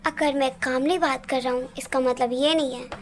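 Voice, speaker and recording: A woman's voice: high-pitched, fairly even intonation, moderate pace, soft background music, pitched below the performer's own voice, close to an everyday voice. A woman voicing a bold, stubborn young man in an amateur Hindi fan dub, speaking firmly and defiantly. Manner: firm, defiant.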